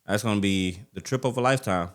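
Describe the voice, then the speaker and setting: Man, lowish voice, podcast co-host, slangy casual talk. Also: fast. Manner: slangy, often tags lines with man, dog or bro. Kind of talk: casual chat.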